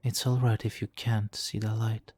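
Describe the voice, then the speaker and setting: This audio roleplay performer's voice is lowish and warm, with little pitch movement, a moderate pace, and a sound close to his everyday voice. Playing a suave, manipulative supervillain in an ASMR hypnotic countdown, he stays silky, theatrically polite, and smugly doting, sometimes dropping into whispers, all soothing and hypnotic.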